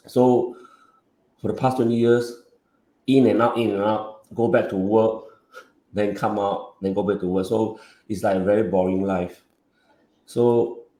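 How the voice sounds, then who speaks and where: Hoarse guy hosting a podcast, kinda low and dark voice, echoey room sound. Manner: halting, with many fillers and restarts. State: hoarse from covid. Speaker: podcast host. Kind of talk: casual podcast chat. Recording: roomy echoey recording.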